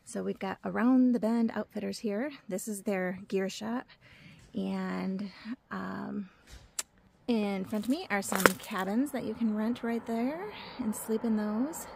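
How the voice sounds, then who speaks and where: A woman in her forties vlogs while hiking through mountain woods, holding her phone at arm's length and narrating the trail in a chatty, upbeat way. Her mid-range voice is slow, gravelly, and dark, with a little hiss or hum.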